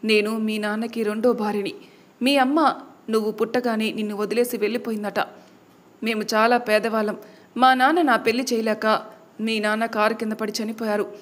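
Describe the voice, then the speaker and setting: A woman's voice: fairly high pitch, steady tone, normal speed, natural voice. A woman voicing a humble middle-aged stepmother who explains sorrowfully.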